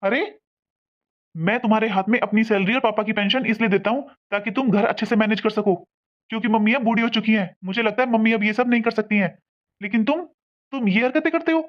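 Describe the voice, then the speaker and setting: Woman voicing a reproachful son, high voice, muffled lo-fi recording. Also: quick pace, close to an everyday voice. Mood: angry. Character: grown son, angry then remorseful. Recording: dull lo-fi sound.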